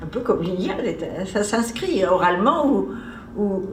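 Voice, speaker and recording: This woman speaks at medium pitch but swings widely up and down, pacing herself a bit slowly, with a touch of hiss or hum. Her seminar talk is loose and digressive, like she's working things out aloud. The far-off mic catches plenty of the seminar room's echo.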